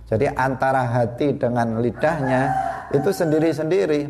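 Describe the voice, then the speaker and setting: A man's voice: medium pitch, steady tone, normal speed, noisy background. A man giving an Islamic study lesson, explaining step by step with examples and rhetorical questions. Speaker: religious teacher.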